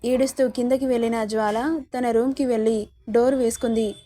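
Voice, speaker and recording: A woman narrating a romantic story in an even, storytelling manner. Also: on the high side, normal speed, no room sound, clean studio sound.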